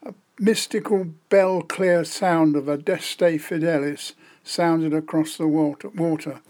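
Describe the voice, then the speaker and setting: A man's voice: on the high side, fairly even intonation, slow, a little mellow. A man in his seventies telling a scripted personal memory in a wry, self-deprecating way. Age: 70s. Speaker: storyteller.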